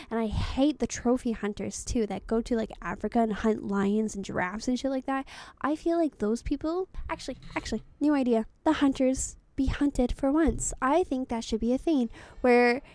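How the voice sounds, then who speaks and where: High-voiced chatty young woman streamer. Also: a little mellow. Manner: chatty, blunt, swears freely. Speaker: VTuber streamer. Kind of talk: casual gameplay commentary.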